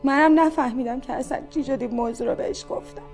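Chatty young woman, very high voice, emphatic, film dialogue, faint score behind. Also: darkish tone. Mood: pleading. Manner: quick, emphatic, pleading when scolded. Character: chatty young woman, excitable then defensive. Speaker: film character on a phone call. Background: film score music.

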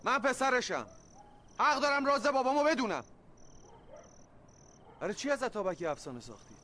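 A man's voice: very high-pitched, sing-song, bright, forceful tone, heavily acted. An actor playing an angry young man demanding the truth about his father, pleading and bursting out, in a radio drama.

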